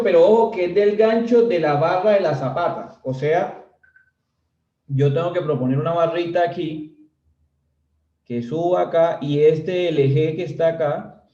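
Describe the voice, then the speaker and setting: Chatty lecturer in an echoey room. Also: male voice, on the high side, mellow, recorded from a distance. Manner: chatty, constantly checks understanding with "¿sí?", jokes with students. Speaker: civil engineering instructor. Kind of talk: casual recorded lecture. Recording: dull, roomy audio from off mic.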